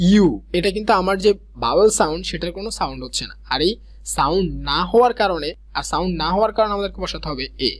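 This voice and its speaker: A young man teaching a grammar lesson, explaining step by step and reading English examples slowly. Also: high-pitched. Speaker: grammar tutor.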